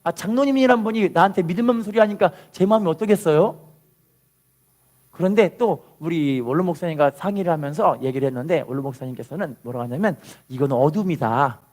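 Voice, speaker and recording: A man preaching a sermon as pastor, animated, asking the congregation to repeat after him and shouting at the peaks. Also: high-pitched, fast.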